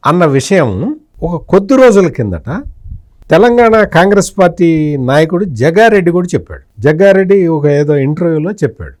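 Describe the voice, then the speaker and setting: A man's voice: on the high side, a little mellow. A middle-aged man, a senior journalist, giving political commentary with fiery rhetorical questions.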